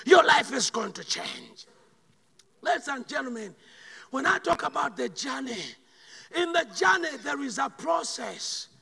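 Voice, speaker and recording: Man, Ugandan accent, preacher, sermon, very bright tone, long reverb hall. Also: extremely high pitch, big pitch swings, creaky. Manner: swings between loud shouted bursts and quiet slow asides.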